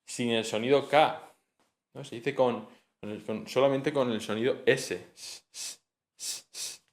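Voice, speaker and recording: Relaxed male teacher, talks through exam material conversationally, mid-range voice. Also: mid-range voice, moderate pace. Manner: chatty, thinks aloud with frequent "¿no?" and self-corrections. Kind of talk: casual exam-prep lecture.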